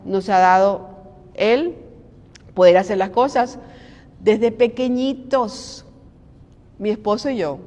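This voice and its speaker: A middle-aged woman giving a devotional sermon in an animated, conversational way, full of rhetorical questions. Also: mid-range voice. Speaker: preacher and devotional host. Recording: long hall reverb.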